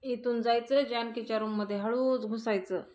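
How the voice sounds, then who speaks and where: A woman's voice: a little high, fairly even intonation, moderate pace, a little mellow, close to an everyday voice. A woman voicing a scheming young daughter-in-law who coaxes and plots in a story recap. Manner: plotting, coaxing.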